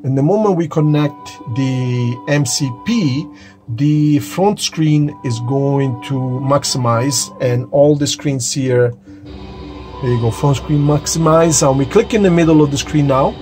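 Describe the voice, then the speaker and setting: A man with a slightly high voice chats his way through a flight simulator startup, addressing viewers as he goes. He is recorded on a phone in his home cockpit room. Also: a little slow, music in the background. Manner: chatty, addresses viewers directly. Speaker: flight sim hobbyist host. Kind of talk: casual tutorial walkthrough. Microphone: phone camera held or mounted nearby.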